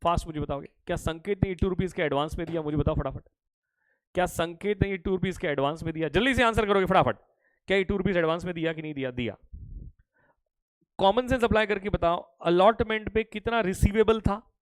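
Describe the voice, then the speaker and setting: Male lecturer from India, slightly high voice, dry close sound, playful and pushy with questions. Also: no room sound, low-quality recording. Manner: teasing, repeats questions and urges quick answers; mixes Hindi with English accounting terms. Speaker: commerce teacher. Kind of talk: live online accounting lecture.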